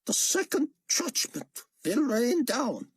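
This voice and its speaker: A man voicing a stern older male prophet who speaks in a solemn, declamatory, measured way, in a raised voice. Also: extremely high pitch, very animated, slightly rough, no echo, voice pushed up, full character voice. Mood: warning.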